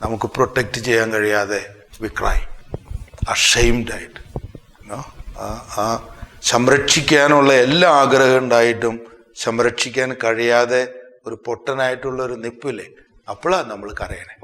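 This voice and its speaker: Expressive Malayali priest in an echoey hall. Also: male voice. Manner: expressive, with sudden swings in pitch and loudness; slows down sharply to stress phrases. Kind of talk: sermon.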